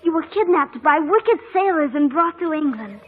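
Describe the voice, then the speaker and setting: A little girl, imperious and affectionate, in an old radio play. Her voice is extremely high and highly animated, heard through a muffled broadcast with music. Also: moderate pace. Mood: tender. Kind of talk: 1940s radio drama acting.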